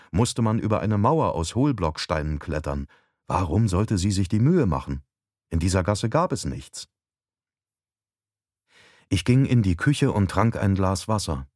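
A man narrating a literary novel in the first person, calm and reflective. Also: low-pitched, no echo, studio quality. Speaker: audiobook narrator.

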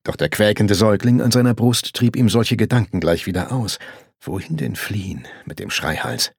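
A man reading a historical novel aloud as an audiobook narrator, in a measured storytelling manner. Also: lowish voice, lively intonation, creaky, breathy edge, dry recording, clean studio sound.

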